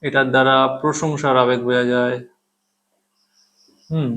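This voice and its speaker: A man's voice: mid-range voice, level tone, unhurried, fairly bright tone. A man who speaks Bengali as his first language, teaching English grammar, patiently explaining in Bengali with English terms and often checking that students follow. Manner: patient, repeats key terms, checks in with "thik ache?".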